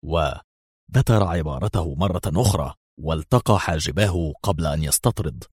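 Male audiobook narrator, very low and husky, dry close sound. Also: moderate pace, dry recording.

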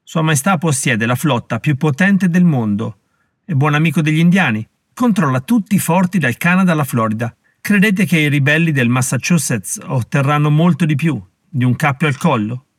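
A man's voice: a little high, lively intonation, moderate pace, no room sound, clean studio sound. A man doing a stern, haughty colonial official. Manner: lecturing, scornful threats.

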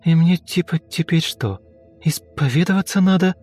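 A man's voice: moderate pace, a little mellow, faint music behind, close to an everyday voice. Man putting on a sulky young woman. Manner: snappish, slangy, rising to shrill sobbing. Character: sulky young woman, rude then tearful.

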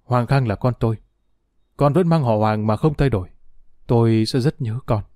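A man voicing a gentle husband whose voice is husky with emotion, in a storybook reading. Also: medium pitch, fairly quick, no room sound, studio quality, lightly acted. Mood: grave. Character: gentle, self-sacrificing husband.

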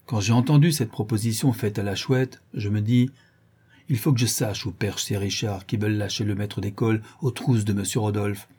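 A man voicing a rough, loyal Parisian ex-brawler who rambles in street slang. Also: fairly low pitch, steady tone, normal speed, dark tone. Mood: confiding.

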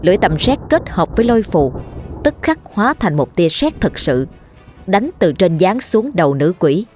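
A woman narrating a ghost story in a steady, vivid storytelling manner. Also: lowish voice, normal speed. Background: faint background music.

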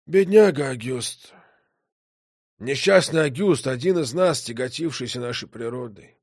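Brief: male reader as a brooding, sorrowful nobleman, lively phrasing, close dry mic. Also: medium pitch, measured pace, husky, no room sound. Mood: grave. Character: middle-aged nobleman, gloomy and brooding.

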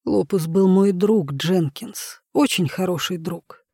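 A quiet, earnest young man in a storybook reading, voiced by a male narrator. His tone is mellow and soft, recorded close and dry. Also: sits high, takes it slowly, slightly rough, no echo, heavily acted.

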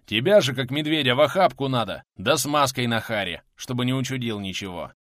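Male narrator playing a loud, slow-talking bearded warrior with a swinging voice, dry close sound. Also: mid-range voice, lively intonation, no echo, natural voice. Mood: scolding.

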